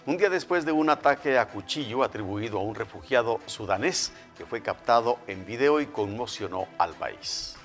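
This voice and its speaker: A man reading news headlines as an anchor, with a crisp, formal delivery. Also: medium pitch, lively intonation, normal speed, few pauses, over music.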